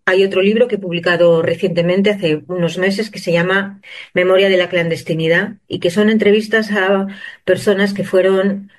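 High-voiced man, earnest guest. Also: moderate pace. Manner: earnest, fluent, steady explaining. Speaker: journalist and author guest. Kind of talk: interview answers.

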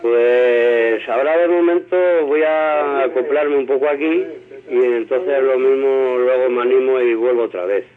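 A man's voice: medium pitch, steady tone. Man calling in over a tinny phone line. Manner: hesitant, halting with many fillers. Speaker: radio caller. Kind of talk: casual phone chat. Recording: tinny phone line with crowd noise behind.

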